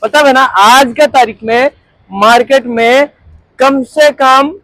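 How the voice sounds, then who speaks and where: A man's voice: very high voice, takes it slowly, fairly bright tone, dry recording, rough recording. A man leads a network marketing seminar, constantly quizzing his audience and drawing call-and-response answers. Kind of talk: interactive seminar talk. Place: training room with a group audience.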